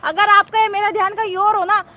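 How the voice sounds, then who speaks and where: A woman's voice: very high voice, little pitch movement, brisk, sharp tone, dull audio, slight background noise. A young woman in a staged street skit, talking in a haughty, scolding way and raising her voice, outdoors on a city street. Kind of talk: scripted street confrontation skit.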